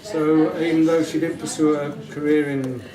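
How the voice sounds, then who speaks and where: A middle-aged man, his voice a little high and his tone steady, speaks at a moderate pace over a noisy crowd. He's giving an affectionate, informal father of the bride speech at a wedding reception, rambling and hesitant, recorded on a distant mic in an echoey room with audience noise and guests murmuring and laughing behind him.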